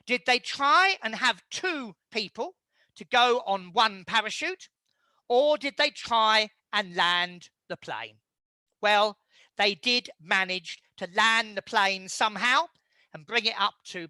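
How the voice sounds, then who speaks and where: Bright-toned man giving a halting lecture. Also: sits high, no echo. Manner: measured, halting with frequent fillers. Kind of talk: illustrated history talk.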